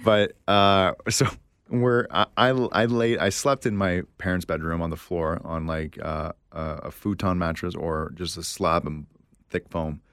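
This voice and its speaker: Young male co-host, deep voice, dry close sound, animated storyteller. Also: unhurried, smooth, no echo. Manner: animated storyteller, mimics relatives in a high voice. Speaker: podcast co-host. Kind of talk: casual chat.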